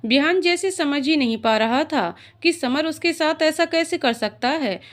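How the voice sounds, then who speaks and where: A woman narrating a scripted emotional story in a calm, even storytelling manner. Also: sits high, a little slow.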